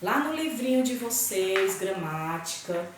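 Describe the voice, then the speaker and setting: A woman's voice: mid-range voice, animated, a little slow, heavy reverb. Brazilian Portuguese woman, patient teacher, keeps checking students follow; distant mic, faint room hum. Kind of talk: grammar lesson to students.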